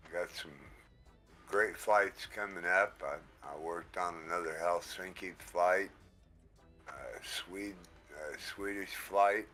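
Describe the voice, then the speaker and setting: A man's voice: deep voice, fairly even intonation, slow pace, bright, forceful tone, faint music behind. A man hosting a livestream through a headset mic, casual and easygoing, often thanking his viewers. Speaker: livestream host.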